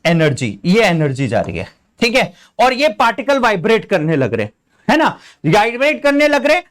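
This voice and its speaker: A man's voice: sits high, wildly swooping pitch, moderate pace, a bit bright. A young Indian man teaching a school science lesson, playful and theatrical, acting out film lines and sound effects. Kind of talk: playful classroom lesson with demonstrations.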